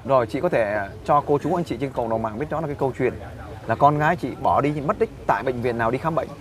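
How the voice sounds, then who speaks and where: A man's voice: mid-range voice, quick pace. A man from a volunteer search team interviewing a woman outdoors, formal and restating her answers back. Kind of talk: street interview. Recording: distant mic, loud crowd.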